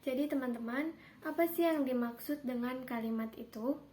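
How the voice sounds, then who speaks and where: A woman's voice: sits high, normal speed, mellow. A woman teacher giving a classroom grammar lesson, explaining steadily and reading out example sentences.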